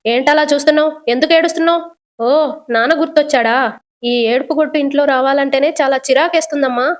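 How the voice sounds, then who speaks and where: Rebellious young son, defiant and protesting, high-pitched, woman narrator doing him. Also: fairly even intonation, fast talker, lightly acted.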